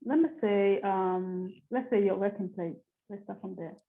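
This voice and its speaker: A woman's voice: medium pitch, normal speed. A woman interviewer who asks simple questions and often repeats them. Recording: tinny phone-like line.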